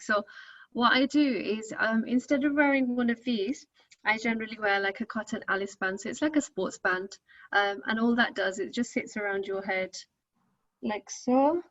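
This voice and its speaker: A woman's voice: fairly high pitch, a bit bright, no echo. A woman with a Northern English accent leading a live online hijab styling class, chatty and reassuring with many ums. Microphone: video call. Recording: dull lo-fi video call audio.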